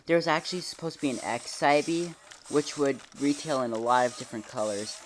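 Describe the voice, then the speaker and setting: A reviewer giving a casual hands-on demonstration in a halting, informal way, often trailing off. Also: medium pitch. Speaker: toy reviewer. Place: carpeted living room at home. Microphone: handheld camera held by the speaker. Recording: noisy home video with mechanical clicking. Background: robot toy motor whirring and clicks.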